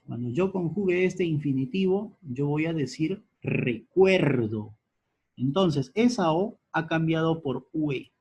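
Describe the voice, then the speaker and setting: A man teaching a grammar lesson at a board, spelling out letters and repeating key words deliberately. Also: fairly high pitch, lively intonation, a little mellow, husky, lo-fi sound.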